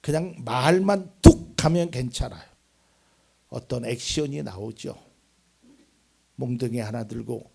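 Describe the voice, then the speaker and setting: A male pastor preaching a Sunday sermon, swinging between loud emphatic lines and soft, almost whispered ones. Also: medium pitch, unhurried, gravelly, pauses often, breathy edge. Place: church sanctuary.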